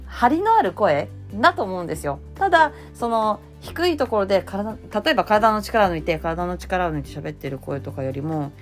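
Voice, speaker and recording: A cheerful woman chats through friendly advice in a voice she has lifted higher than her natural one, her pitch bouncing all over. She talks loosely and warmly, with plenty of fillers, over soft music in the background. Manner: cheerful, chatty, lots of fillers; deliberately raised, bright speaking tone. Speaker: voice blogger. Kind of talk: casual spoken advice.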